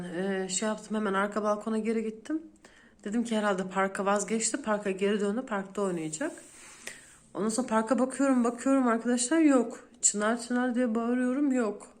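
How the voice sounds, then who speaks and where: A woman in her thirties, a vlogger speaking straight to her viewers as she retells a frightening day in detail. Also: a little high. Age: 30s. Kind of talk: emotional storytelling to viewers.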